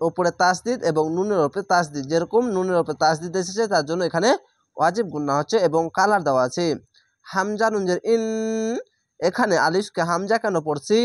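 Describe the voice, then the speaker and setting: A woman teaching Quran reading in a step-by-step lesson. She spells out each letter, then draws out the recited word slowly. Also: lowish voice, no echo, clean studio sound. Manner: stresses throaty sounds by repeating them.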